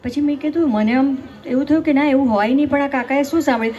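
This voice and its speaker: A woman on stage telling comic stories, with a high, clear voice. She teases the audience and keeps asking them questions, in a lively, chatty way. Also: fast talker, muffled recording. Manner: chatty, teasing, talks directly to the audience. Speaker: stand-up comedian. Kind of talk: stand-up comedy storytelling.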